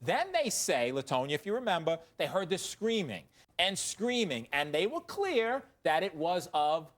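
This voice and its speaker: A man hosting a TV legal panel, briskly walking guests through a case and checking in with "right?". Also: high voice, sing-song, a bit bright. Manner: brisk, leading, asks "right?" often. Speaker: TV legal news host.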